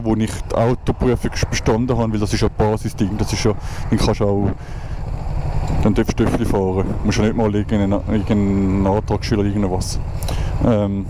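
A Swiss man in his twenties with a Swiss German accent, chatting casually as a motovlogger while riding through traffic, rambling with many restarts and fillers. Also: lowish voice. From Switzerland. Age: 20s. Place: outdoors on a motorcycle in traffic. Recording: road and wind noise behind the voice.

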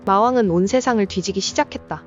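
여자가 연기한 먹먹한 음질의 엄숙한 전설 해설자. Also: female voice, mid-range voice, fast, close to an everyday voice. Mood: solemn, ominous. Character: solemn storyteller of a dark lord legend. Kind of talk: dramatic game trailer narration. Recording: dull sound with music behind.

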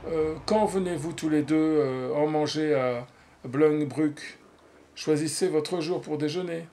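A man's voice: on the high side, unhurried, warm tone, slight background noise. A man reading the part of a cheerful, gallant visitor who speaks politely in a storybook reading. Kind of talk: audiobook reading of a novel.

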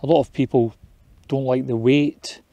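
A man in his forties talks to his camera from beside a small tent and from inside it. His manner is relaxed and matter-of-fact, an easygoing chat from someone used to camping out. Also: medium pitch, normal speed, gravelly, dry recording, lo-fi sound. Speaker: outdoor vlogger. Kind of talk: casual camping vlog. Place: outdoors by a tent on moorland and inside a tent at night.

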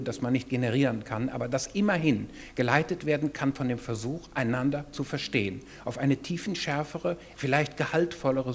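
Husky middle-aged man, earnest speech. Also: mid-range voice. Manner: measured, reflective, earnest. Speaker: prize winner giving acceptance speech. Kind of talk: formal acceptance speech. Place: hotel ballroom with seated audience.

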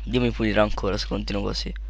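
A young man giving casual let's play commentary, shouting at sudden deaths and then muttering quietly to himself, close to a desk mic. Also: racing, vocal fry, muffled recording, a little hiss or hum. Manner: excitable, yelps and shouts at in-game deaths, then mutters low.

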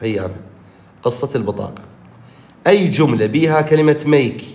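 A male teacher with an Iraqi Arabic accent runs an exam review, hammering the same points over and over. His pitch leaps up when he stresses an answer. The room around him sounds echoey. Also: brisk, a little hiss or hum. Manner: repetitive, drilling key points, animated pitch jumps. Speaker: English teacher.

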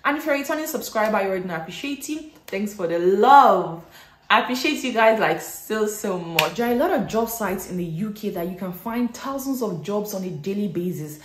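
A woman in her thirties speaks in a middle pitch, chatty and encouraging as she talks straight to camera. The sound is roomy, with a clear echo from the living room around her. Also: animated, brisk, a little hiss or hum. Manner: chatty, encouraging, addresses viewers as guys. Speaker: vlogger. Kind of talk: advice vlog to camera.

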